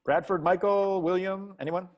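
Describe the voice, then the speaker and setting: A man's voice: high-pitched, fairly even intonation, normal speed, highs cut off. A man from Washington, D.C. hosting a casual video-call roundtable and calling on people by name. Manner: upbeat, calls on people by name. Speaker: roundtable host, tech coordinator.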